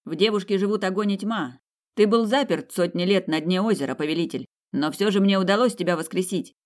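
An audiobook reader voicing an eager male fire-mage who serves his lord, speaking in a raised, lively voice. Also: medium pitch, a little fast, voice pushed up, close to an everyday voice. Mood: earnest.

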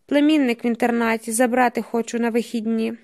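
A woman's voice: on the high side, steady tone, fairly quick, darkish tone, lightly acted. A woman reading the part of a nervous, guarded man who answers hesitantly. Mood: uneasy. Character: nervous wary man from the city.

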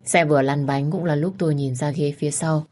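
A woman narrating a romance story as a storyteller, in a steady, even manner. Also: sits low, brisk.

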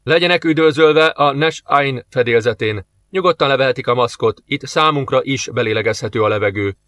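Calm, reassuring captain, read by a man, dry studio sound. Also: mid-range voice, dry recording, natural voice. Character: calm, patient male police captain.

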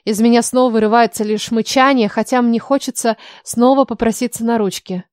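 A woman's voice: fairly high pitch, steady tone, brisk, no room sound, studio quality. A woman narrating a first-person audiobook in a wry, ironic manner.

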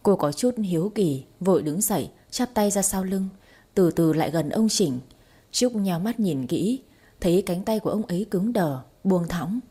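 A woman narrating a story in a steady, even reading voice. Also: lowish voice, normal speed, slightly rough.

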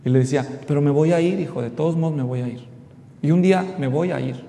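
A middle-aged pastor delivers an expository sermon in a church hall, telling family stories and speaking straight to the congregation. He talks fast in a gravelly, mellow voice, and the echoey hall has a faint rumble.

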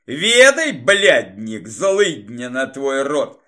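Man reading gruff soldier leader, audiobook, dry humor, bright tone. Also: sits high, big pitch swings, measured pace, heavily acted. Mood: wry. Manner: dry, teasing. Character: wry, brusque male soldier leader.

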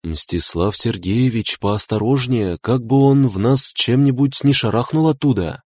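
A rough, blunt soldier-explorer in a storybook reading, loud and gruff, his voice pushed well above the reader's own low register, as a man puts him on. The recording is dry and close. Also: measured pace, no echo. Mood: wary.

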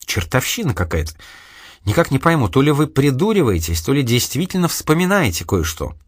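A man reading an audiobook, voicing a lively, teasing young woman who sells food on the street. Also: mid-range voice, a little fast, dry recording, studio quality, voice pushed up. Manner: chatty, teasing, curious.

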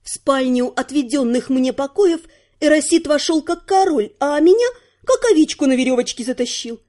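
A woman's voice: high voice, animated, moderate pace, mellow, soft background music. A woman reading a first-person fantasy novel aloud, narrating expressively. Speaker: audiobook narrator.

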